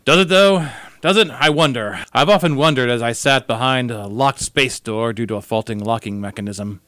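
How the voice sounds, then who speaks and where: A man's voice: mid-range voice, normal speed, fairly bright tone, dry recording, studio quality, close to an everyday voice. An actor playing a brooding starship officer who tells his story in a melodramatic, wistful way.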